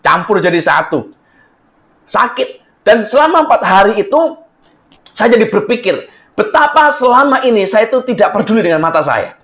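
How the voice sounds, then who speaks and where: A man with a high, light voice, preaching a sermon to his congregation. He talks in an easy, conversational way and mixes English phrases into his speech. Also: very animated, normal speed, a bit bright. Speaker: pastor.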